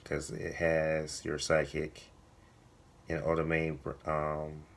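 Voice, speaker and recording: A man with a hoarse voice that is giving out, talking casually to viewers as a vlogger, halting and correcting himself as he thinks aloud. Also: extremely low pitch, completely flat delivery. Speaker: video blogger, writer. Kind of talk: casual vlog talk to viewers.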